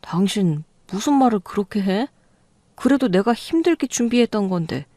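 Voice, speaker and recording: A woman's voice: mid-range voice, lively intonation, moderate pace, dark tone, dry recording, natural voice. A woman voicing a bewildered husband who defends himself in a radio drama story. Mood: defensive. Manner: defensive, pleading.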